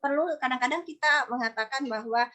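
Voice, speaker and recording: A woman's voice: sits high, fast talker, a bit bright. A woman in her thirties giving parenting advice in a conversational way, often acting out short dialogues between a mother and her child. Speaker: psychologist speaker. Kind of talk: parenting talk in an online study session.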